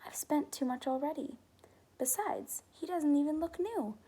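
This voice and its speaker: A woman's voice: sits high, expressive, moderate pace, dark tone. Woman voicing a weary storybook mother, storytime voice. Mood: weary refusal. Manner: sighing, firm.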